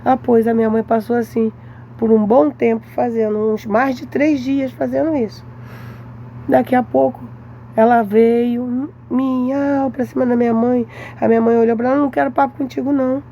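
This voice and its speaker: Lively Brazilian woman telling a faith story. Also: fairly high pitch, normal speed, muffled recording, slight background noise. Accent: Brazilian Portuguese. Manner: lively storytelling, acts out her mother's lines. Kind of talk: devotional testimony to viewers.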